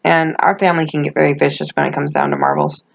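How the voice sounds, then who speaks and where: A middle-aged woman talks casually to her viewers in a lowish, creaky voice. Her words have the soft, gummy shaping of someone speaking without teeth. She rambles candidly and pokes fun at herself. The recording is muffled and lo-fi. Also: wildly swooping pitch, fast talker. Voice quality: toothless, gummy articulation without dentures. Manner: rambling, self-deprecating, candid. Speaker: vlogger. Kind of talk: casual chat to camera.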